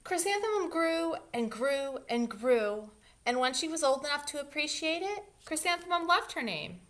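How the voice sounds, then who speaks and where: A woman reading a children's story aloud in an animated, emphatic way, drawing out words for young listeners. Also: high-pitched, normal speed. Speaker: children's read-aloud host. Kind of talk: expressive storybook reading with asides.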